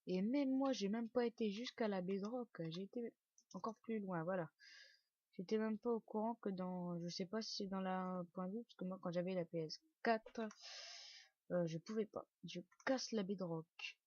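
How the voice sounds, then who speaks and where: A man's voice: high voice, moderate pace, a little mellow, no room sound. A man giving a chatty, joking gameplay building tutorial with casual swearing and lots of fillers. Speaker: video game building tutor. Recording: dull lo-fi dry recording.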